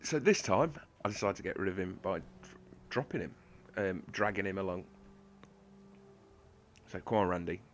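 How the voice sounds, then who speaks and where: Sarcastic man with a low voice. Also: animated, moderate pace, long pauses, slight background noise. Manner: sarcastic, self-mocking, rambling. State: slight lisp from toothache. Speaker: gaming channel host. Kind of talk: gameplay commentary.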